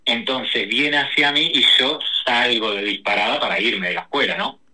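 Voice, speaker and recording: A man, a guest telling personal stories in a lively, slangy way with many restarts. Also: mid-range voice, low-quality recording. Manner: animated, rushes through stories with slang and restarts. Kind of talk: casual personal storytelling.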